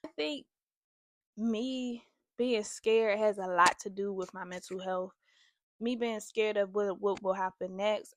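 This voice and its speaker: A woman's voice: medium pitch, dry recording. A young woman hosting a candid, confessional vlog, talking earnestly and emotionally straight to her viewers. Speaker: host.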